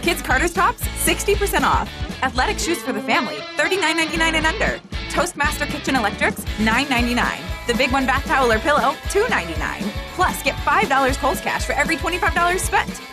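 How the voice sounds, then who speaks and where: High-pitched woman doing a hard sell ad. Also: animated, fast talker. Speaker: retail advertisement announcer. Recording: music bed behind the voice. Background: music.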